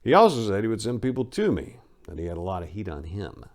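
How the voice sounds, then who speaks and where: Reading a first-person memoir dramatically, this low-voiced audiobook narrator from the United States talks fast, with a sing-song lilt and darkish tone. His telling is gritty and irreverent, like a man looking back on his own rough history.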